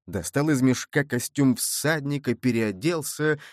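A man narrating a classic adventure novel in a measured, even reading. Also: mid-range voice, no room sound, clean studio sound. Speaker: audiobook narrator. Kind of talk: scripted narration.

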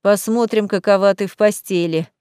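A woman voicing a coarse, mocking male villain who owns an estate, loud and jeering. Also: mid-range voice, fairly even intonation, moderate pace, clear, resonant tone, no room sound, clean studio sound, lightly acted. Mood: leering.

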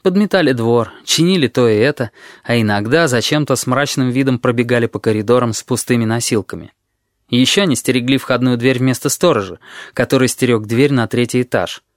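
A man reading an audiobook in the first person, telling the story in a measured, even way. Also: medium pitch, no room sound, clean studio sound. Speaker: audiobook narrator.

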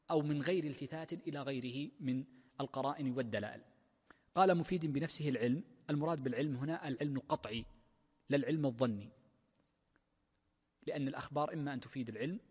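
A man, a sheikh, giving a classical lecture on a text of legal theory, explaining step by step with drawn-out fillers. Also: medium pitch, darkish tone. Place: large mosque hall. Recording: long mosque-hall reverb.

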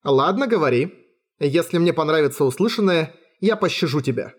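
A man's voice: on the high side, animated, fairly quick. A man voicing a cocky young sorceress who threatens a prisoner with teasing, coldly sweet menace in an audiobook. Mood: mock menacing.

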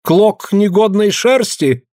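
A man's voice: sits high, lively intonation, slow, a little mellow, no room sound, studio quality, pitched above the performer's own voice. A man voicing a haughty male official who declaims to peasants in an audiobook. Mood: pompous. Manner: pompous, declaiming.

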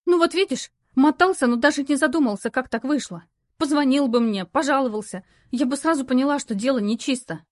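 A woman voicing a stressed young office worker who sounds indignant and pleading, turning shrill when upset. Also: moderate pace, no echo, clean studio sound, close to an everyday voice. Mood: exasperated.

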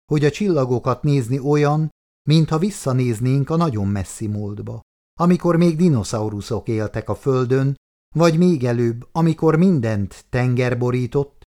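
A man reading an audiobook aloud in a calm, measured storytelling manner. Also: medium pitch. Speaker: audiobook reader. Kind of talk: scripted narration.

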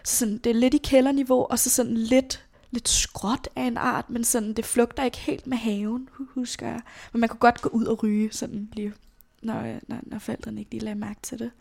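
Young woman, interview guest; slightly high voice, gravelly fry, rambling and unguarded. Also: flat delivery, a little mellow. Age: young adult. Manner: casual, halting, many fillers and casual swearing. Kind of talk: personal storytelling interview.

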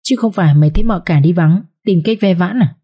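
A woman plays a sly young maid with a sharp, mocking tongue. The voice is low and mellow. She teases without mercy. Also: a little fast, breathy edge.

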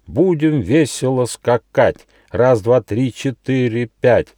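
A man's voice: fairly low pitch, warm tone, dry recording, clean studio sound. Fields: Figure: a man doing a fussy, kindly little gnome. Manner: lecturing. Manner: orderly, lecturing.

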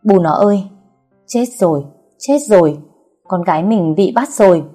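A woman's voice: on the low side, moderate pace, soft background music, natural voice. Woman doing a frantic old father. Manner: frantic shouting, then broken self-reproach. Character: anguished old father, desperate and remorseful.

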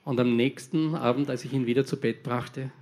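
A man's voice: medium pitch, fairly even intonation, moderate pace, a little mellow. A man interpreting a sermon phrase by phrase, following closely with small hesitations. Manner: follows closely, with fillers and restarts.

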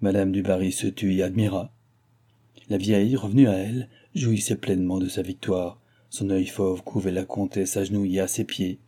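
A man reading a classic novel aloud in measured literary narration. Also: low voice, level tone, dark tone, breathy edge. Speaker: audiobook reader. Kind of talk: scripted narration.

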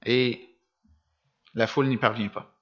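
A man with a steady, mid-range voice preaches a little slowly, reading gospel passages before explaining them. He restarts at points and relies on rhetorical questions. The setting is a church or meeting room with a screen behind him, and the audio is dull and lo-fi.

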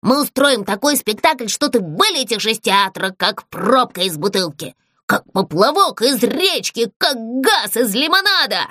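A woman voicing a bold, cheeky little female doll who speaks briskly and defiantly. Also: a little high, expressive, bright, forceful tone, no room sound, studio quality, heavily acted.

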